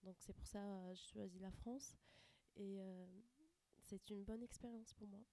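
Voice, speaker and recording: A young woman from Tunisia, a student answering interview questions. Her voice is mellow and even, and she hesitates often with fillers. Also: medium pitch, a little slow. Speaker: student guest.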